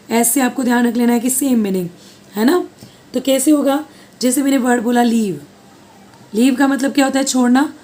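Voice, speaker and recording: A woman's voice: a little high, dark tone. Woman teacher asking and answering herself. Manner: repeats questions to the class and answers them; mixes Hindi with English terms. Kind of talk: recorded lecture.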